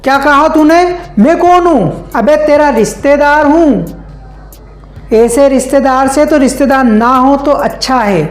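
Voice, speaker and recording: A woman's voice: high-pitched, unhurried, soft background music. A woman voicing a rowdy, rude and boastful drunk man who talks back with insults. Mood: rude, swaggering. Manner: brash, insulting, swaggering. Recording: roomy echo.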